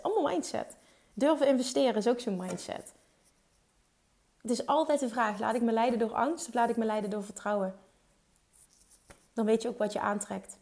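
Brief: female business coach, fairly high voice, emphatic motivational delivery, English catchphrases mixed in. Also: gravelly, darkish tone. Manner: emphatic, peppers her talk with English phrases. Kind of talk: motivational monologue.

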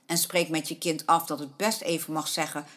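A woman's voice: sits low, steady tone, normal speed, fairly bright tone. Earnest Dutch woman advising parents. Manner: earnest, repeats points, acts out a panicking child's voice. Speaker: pony riding coach. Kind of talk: spoken advice to parents.

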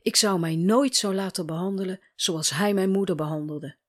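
A woman voicing Sam, a tired and guarded woman who speaks quietly and haltingly as she opens up about her past in a spoken story. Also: lowish voice, lightly acted. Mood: bitter. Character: weary, guarded woman opening up in therapy.

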